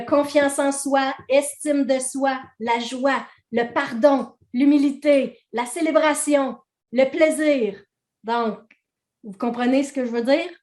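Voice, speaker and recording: A woman's voice: high voice, a little mellow, roomy sound. A woman with a Québécois accent teaching a training session in a conversational way, often checking in with her audience.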